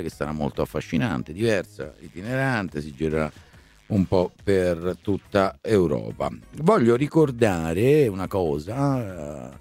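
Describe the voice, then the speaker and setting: A man's voice: sits low, mellow. A man hosting live sports talk radio, theatrical in delivery, repeating words and phrases for emphasis. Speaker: radio host.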